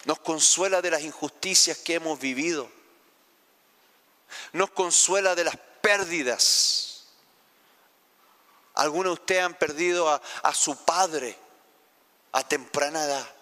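A Chilean pastor preaching a heartfelt sermon, asking the congregation questions. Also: male voice, a little high, slow, pauses often, pushed and bright, long reverb tail. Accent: Chilean Spanish. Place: church sanctuary.

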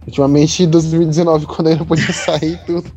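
Mellow-voiced hesitant woman chatting. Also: low-pitched, little pitch movement, quick pace, breathy edge, soft background music. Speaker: friend answering quiz questions. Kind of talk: casual chat.

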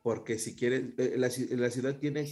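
A man's voice: mid-range voice, steady tone, moderate pace, a little mellow. A Mexican man with a blended Veracruz and Mexico City accent, chatting casually as a podcast co-host who often restarts his sentences. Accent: mixed Mexican, Veracruz and Mexico City. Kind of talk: casual chat.

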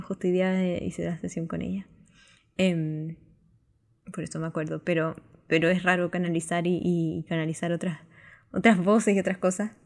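Mellow, rambling woman telling a story. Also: mid-range voice. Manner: rambling, laughs often, many restarts. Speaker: spiritual channeler. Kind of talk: casual personal chat.

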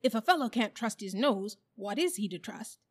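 A woman's voice: medium pitch, normal speed, close to an everyday voice. Casting: stubborn talking bulldog, male, easily offended, blustering and emphatic, for a storybook woman performer. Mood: indignant. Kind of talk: storybook character voice.

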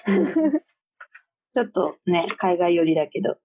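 A woman in relaxed casual chat with a friend, trying out odd sounds and laughing along. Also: lowish voice, moderate pace. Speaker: co-host. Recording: dull lo-fi recording.

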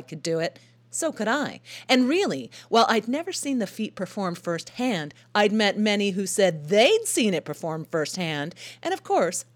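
Lady hosting a little radio segment, voice jumps all over, dry humor but really into it. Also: medium pitch. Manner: wry, enthusiastic storytelling. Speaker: radio feature host. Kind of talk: scripted radio feature narration.

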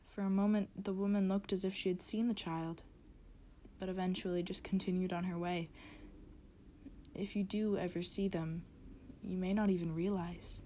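Woman reading as a frightened diary writer; hushed, mostly whispered, slightly low. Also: flat delivery, normal speed, slight background noise, lightly acted. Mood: fearful. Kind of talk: reading horror fiction. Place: closet.

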